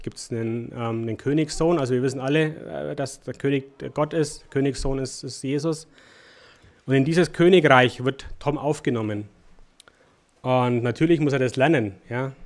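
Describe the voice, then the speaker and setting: A man's voice: mid-range voice, a little mellow. A man preaching a sermon in a conversational tone, telling a story with frequent fillers and small restarts.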